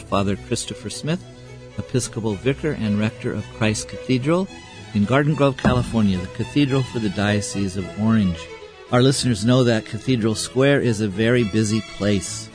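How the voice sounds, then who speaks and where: A man, a priest, hosting a radio talk show in a measured, attentive way. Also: fairly low pitch, over music.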